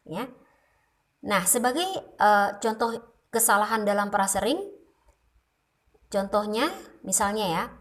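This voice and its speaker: A woman teaching a music class, explaining terms step by step and now and then singing a short phrase to show them. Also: medium pitch. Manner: explains slowly, sings short demo phrases. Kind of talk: slow explanatory class lesson.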